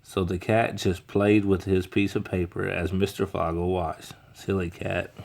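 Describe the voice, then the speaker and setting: A deep-voiced man reads a children's picture book aloud. He now and then stumbles and restarts over words as he goes. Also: flat delivery, moderate pace, vocal fry, darkish tone, a little hiss or hum. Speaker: reader.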